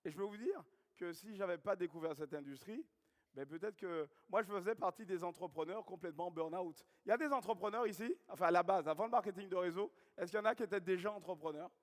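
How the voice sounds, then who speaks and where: Energetic man in his 30s from Guadeloupe, high-pitched, working a seminar crowd in a large echoing hall. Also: fast. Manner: energetic, questions and calls out to the audience. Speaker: seminar speaker. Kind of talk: motivational stage talk. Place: large hall with live audience. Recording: long hall reverb.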